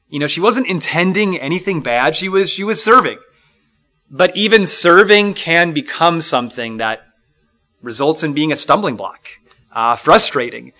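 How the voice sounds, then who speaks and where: A man's voice: on the high side, pushed and bright. A middle-aged man from Minnesota teaching a Bible lesson in an earnest, reflective way, with fillers and restarts.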